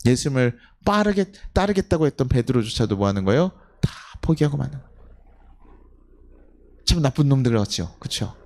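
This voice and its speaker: A man's voice: mid-range voice, lively intonation, fairly quick, a little mellow, slight background noise. A male pastor preaching a sermon in a church, telling a story and often asking the congregation questions, sometimes acting out the voices in it. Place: church sanctuary.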